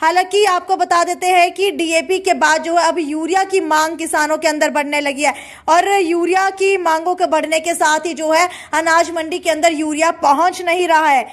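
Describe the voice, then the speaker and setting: A woman's voice: very high-pitched, fairly even intonation, moderate pace. A woman presents local breaking news. Her delivery is semi-formal and spoken, padded with recurring stock filler phrases. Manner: repeats filler phrases between news items.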